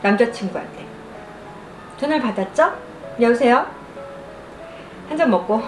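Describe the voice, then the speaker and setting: A young adult woman telling a story casually over food and drink, chewing while talking and speaking in an animated storyteller's manner. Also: on the high side, moderate pace. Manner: animated storytelling, acts out quoted lines. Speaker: mukbang vlogger. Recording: roomy echo, music behind.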